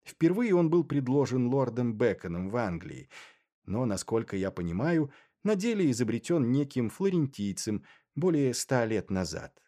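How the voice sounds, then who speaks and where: A man reading first-person literary narration in a measured, dry and ironic way. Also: medium pitch, sing-song, dark tone. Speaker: audiobook narrator.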